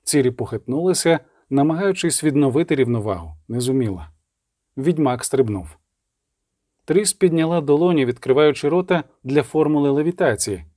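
A man reading a story aloud in a steady, measured voice. His tone is mellow and sits a little high for a man, recorded dry and close. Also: no room sound. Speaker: audiobook narrator. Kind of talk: scripted narration.

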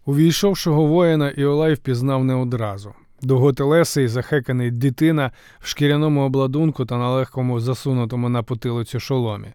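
A man narrating a novel as an audiobook reader, in an even, ironic storytelling manner. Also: mid-range voice, brisk, hardly any pauses, clear, resonant tone, no room sound, clean studio sound.

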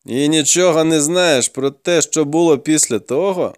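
A man voicing a hardened, grim male warrior who questions a captive in a gruff, mocking way. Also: fairly high pitch, normal speed, dry recording, clean studio sound, lightly acted.

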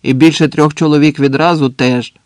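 A man's voice: medium pitch, lively intonation, normal speed, no echo, clean studio sound, lightly acted. A man reading a suspicious soldier who calls curt questions from a trench, in an audiobook. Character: suspicious gruff male soldier calling from a trench.

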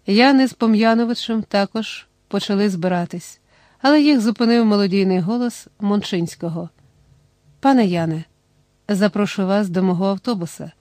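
A woman narrating a novel as an audiobook in a steady storytelling manner. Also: medium pitch, no room sound.

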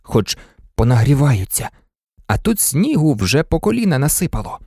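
Freezing toy foot soldiers complaining about the snow piling up, voiced by the storyteller. The voice is animated and recorded dry and close. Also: medium pitch, moderate pace, breathy edge, no echo. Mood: envious. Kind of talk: storybook reading.

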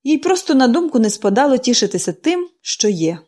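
Woman, storybook narration, expressive reading, fairly high voice, lively intonation. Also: a little fast. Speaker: audiobook narrator.

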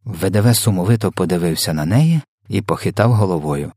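A man narrating an audiobook in a calm, measured way. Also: low voice, no room sound, clean studio sound. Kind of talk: audiobook reading.

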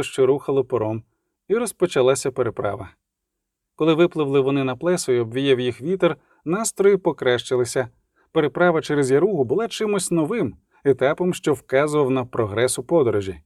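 Male audiobook narrator, mellow dark tone, dry close mic. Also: mid-range voice, no echo. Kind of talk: scripted narration.

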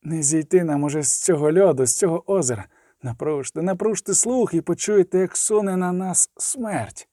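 A man's voice: a little high, normal speed, warm tone, no echo, studio quality, close to an everyday voice. A man reading the part of a frightened male mercenary who talks in grim, foreboding tones. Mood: fearful. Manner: fearful, foreboding. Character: frightened male mercenary, gloomy doom-sayer.

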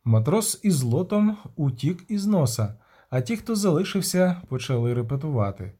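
A man narrating an audiobook with vivid, even-paced storytelling. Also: on the high side, moderate pace, breathy edge.

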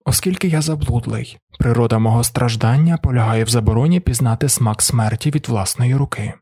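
A man gives voice to a quiet, submissive servant in his mid-thirties who speaks in careful, formal phrases. The voice is low-key and husky. It is close and dry, like a studio audiobook. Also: no room sound. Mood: calm. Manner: soft, formal and measured. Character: quiet, obedient male servant, mid-30s.

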